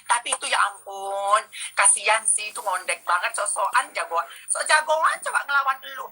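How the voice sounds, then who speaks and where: A woman in casual gossip chat, telling stories loudly and dramatically and mimicking people, heard over a tinny phone-like line. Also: mid-range voice, lively intonation, moderate pace, breathy edge. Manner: loud, dramatic storytelling with mimicry. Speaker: social media personality.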